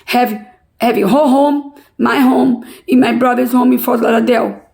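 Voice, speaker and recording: An older woman from Brazil with a Brazilian Portuguese accent, giving an emotional personal testimony in halting, broken English. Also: on the high side, steady tone, creaky, a little mellow.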